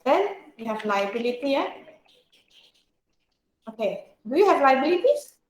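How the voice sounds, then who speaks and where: A woman's voice: high-pitched, sing-song, unhurried. A woman with a Singaporean or Malaysian English accent teaching an informal tutorial, often checking with questions and using colloquial particles. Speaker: accounting tutor. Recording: roomy, echoey sound.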